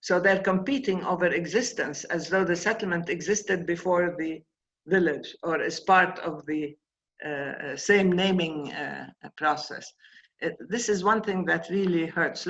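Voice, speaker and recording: A woman's voice: lowish voice, fairly bright tone, muffled recording. Impassioned older woman. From Palestine. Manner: impassioned, emphatic. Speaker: guest. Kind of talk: interview conversation.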